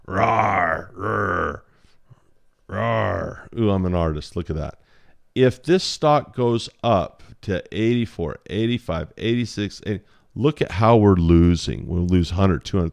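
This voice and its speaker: A man with a low voice teaching a relaxed screen-share lesson on trading. He is chatty and playful and thinks aloud as he marks up a chart. The sound is dry, with no room echo. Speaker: options trading instructor.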